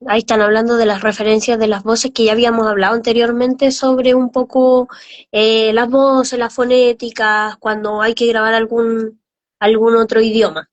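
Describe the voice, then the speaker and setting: A woman's voice: on the high side, level tone, normal speed, highs cut off. A woman hosting a casual interview, friendly, reading out viewer comments and asking questions. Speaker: interview host.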